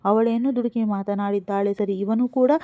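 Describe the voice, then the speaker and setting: A woman reading the lines of a calm, gently teasing older father-in-law. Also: medium pitch, normal speed, no echo, natural voice. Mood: reasoning. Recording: phone-like narrow sound.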